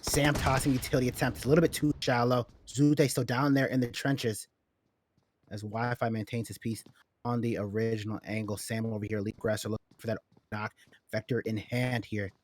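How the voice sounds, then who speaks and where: A man's voice: mid-range voice, little pitch movement, fairly quick. A man casting a tournament as a host, doing play-by-play commentary with laid-back banter between calls. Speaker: esports caster.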